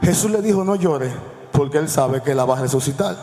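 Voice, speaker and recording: A male pastor preaching a sermon, swinging between hushed lines and shouts and calling the congregation to repeat after him. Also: fairly high pitch, animated, brisk. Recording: echoey hall with faint music.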